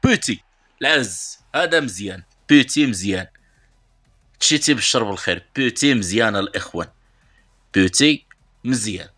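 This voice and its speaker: A man with a Moroccan Arabic accent hosting a mobile football game channel, giving live pack-opening commentary. He talks chattily to viewers as brothers, sighing with pious exclamations between bursts of excitement. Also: lowish voice, normal speed, pauses often, faint music behind.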